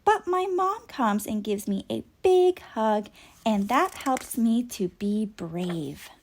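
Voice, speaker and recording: A woman's voice: fairly high pitch, animated, slow, heavily acted. A woman voicing a caring young girl who doctors toys in a storybook, reassuring and matter-of-fact as she explains. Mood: gentle, encouraging.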